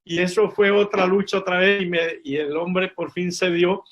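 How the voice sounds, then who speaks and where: A man's voice: high-pitched, steady tone, normal speed, fairly bright tone, highs cut off. A man, a pastor and missionary, tells his testimony as a sermon, speaking to his brothers in faith and repeating words for emphasis. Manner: vivid storytelling, addresses listeners as brothers. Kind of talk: preaching a personal testimony.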